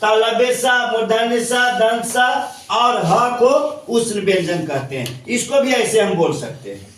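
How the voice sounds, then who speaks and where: A man with a high, fairly bright voice speaks a little slowly as he teaches a grammar lesson to a class, repeating his points and constantly asking questions. He sounds distant, in a room with noticeable echo.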